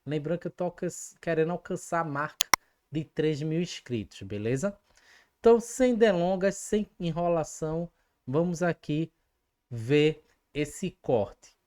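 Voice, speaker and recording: A woman with a notably deep, low voice hosts a fan commentary vlog. She talks emphatically and with clear indignation, addressing viewers directly. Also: animated, unhurried, darkish tone. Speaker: fan channel host.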